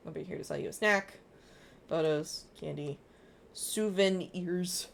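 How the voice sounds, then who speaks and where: A woman casually playing through a game, reading its text aloud and dropping in offhand asides. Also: mid-range voice. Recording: clear background noise.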